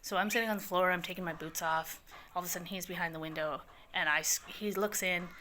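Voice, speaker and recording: A woman telling a wild personal story in casual, animated, profane language, jumping into high voices when she quotes people. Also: fast, slight background noise.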